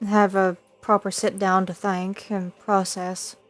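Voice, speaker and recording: A woman narrating as game master of a tabletop game in a calm, matter-of-fact way. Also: medium pitch, a little slow, faint music behind.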